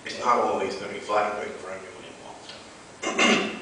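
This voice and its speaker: A man, a poet giving a live poetry reading, declaiming loudly and brashly with crude, deadpan punchlines. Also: fairly low pitch, moderate pace, background noise. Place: festival venue in front of an audience. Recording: very echoey hall, voice picked up from far off.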